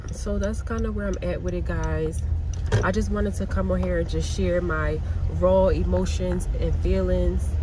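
Chatty woman vlogging from her car. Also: fairly low pitch. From Pennsylvania. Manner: candid, rambling, uses y'all and like a lot. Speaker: nail tech and salon owner. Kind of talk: casual vlog chat. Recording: car and street noise behind.

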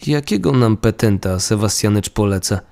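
A hard-drinking country official, scoffing and blustering, as a man puts him on, in a storybook ghost tale. The voice is low and mellow. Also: animated, normal speed, vocal fry. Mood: mocking.

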